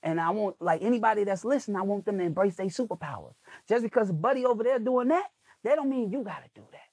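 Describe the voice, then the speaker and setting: A podcast guest on a motivational interview coaches people on making video content, emphatic and preachy and repeating phrases often. His high voice is expressive, fast, darkish, and husky on a dry recording.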